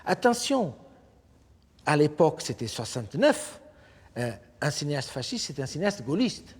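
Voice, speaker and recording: A man's voice: on the high side, big pitch swings, normal speed, slightly rough, big-room sound. A man from Portugal raised in Mozambique, speaking earnestly in a documentary interview, stumbling over words now and then.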